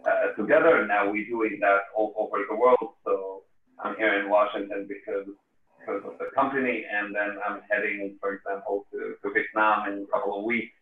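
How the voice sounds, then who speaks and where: A man speaks in a lowish voice, laying out his points in earnest detail. He joins remotely over a tinny, phone-like link. The sound is echoey and distant from the mic. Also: flat delivery, normal speed. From East Jerusalem. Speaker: remote guest, tour company founder. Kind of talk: remote panel interview.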